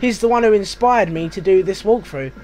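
A man's voice: high voice, fairly quick, darkish tone, slight background noise. A British man hosting a video game walkthrough, chatting casually in a rambling, self-mocking way. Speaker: gaming walkthrough host.

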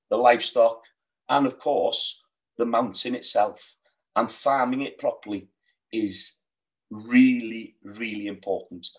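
On a video call, a middle-aged Welsh sheep farmer guest from Wales, whose native tongue is Welsh, talks with heartfelt, earnest passion about his hill farm, meandering and restarting his sentences. His voice is medium-pitched, recorded from a distance by a webcam in low quality.

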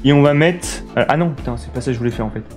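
A young man from France giving lively, swear-filled commentary while building roads in a city game and answering his chat. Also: medium pitch, rapid-fire. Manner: excitable, swears a lot, talks to chat. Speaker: streamer. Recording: faint guitar music behind.

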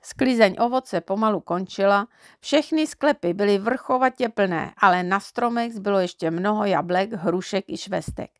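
A woman from Czechia reading a children's storybook aloud in a gentle, measured way. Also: medium pitch, no echo, studio quality. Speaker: audiobook reader. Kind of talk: storybook narration.

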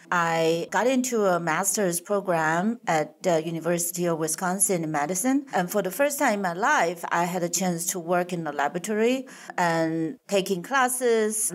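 A middle-aged woman from Taiwan answers interview questions on a podcast. Her voice sits on the low side and her talk is thoughtful, with small restarts and fillers. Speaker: guest scientist.

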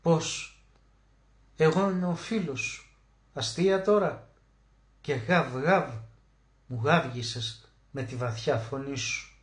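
A man narrating a literary short story as an audiobook, emotive, slowing down to stress key words. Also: on the high side, expressive. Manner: emotive, with slow drawn-out emphasis on key words. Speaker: audiobook reader. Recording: roomy echo.

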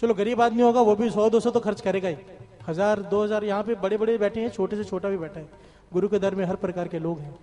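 A man's voice: sits high, quick pace, mellow. A man giving a devotional sermon, telling a parable and calling on the congregation to respond. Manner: storytelling with call-and-response to the congregation. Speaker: satsang speaker. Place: temple hall with instrumental music.

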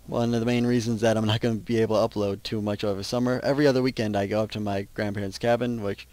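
Rambling teen gamer. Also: male voice, lowish voice, flat delivery, quick pace, a little mellow, dry recording. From Minnesota. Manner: rambling, self-interrupting, chatty. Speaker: gaming channel host. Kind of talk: casual gameplay commentary.

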